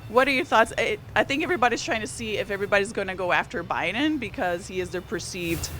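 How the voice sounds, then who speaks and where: Fast, with lively intonation and a slightly bright medium-pitched voice, a newspaper columnist whose first language is Portuguese chats about politics on a live stream. A little hiss or hum is audible. She uses fillers and restarts, her energy rising on key points.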